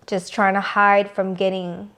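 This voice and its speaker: A young Filipino mother co-hosts a casual podcast conversation, speaking softly and haltingly with many fillers. Her voice is medium-pitched and her delivery flat.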